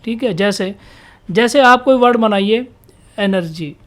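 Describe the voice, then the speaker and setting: A woman teaching a vocabulary lesson for exam students. She asks questions and answers them herself, repeats key words, and reads the English definitions out slowly. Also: a little high.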